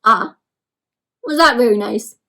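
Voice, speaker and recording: Reading a picture book aloud at a measured pace, this storyteller has a slightly high, creaky voice. She keeps things lively and encouraging for the children, asking them questions and giving easy explanations.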